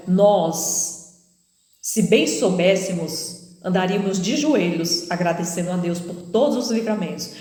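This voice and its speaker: A Brazilian woman preacher giving an emotional spoken testimony, retelling it in an animated way with many fillers. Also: a little high. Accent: Brazilian Portuguese. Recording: echoey room with long reverb.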